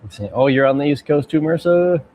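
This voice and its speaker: Relaxed man chatting with viewers, mellow, lively pitch. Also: fast, rough recording. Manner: laid-back, talking to the chat. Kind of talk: casual chat with viewers.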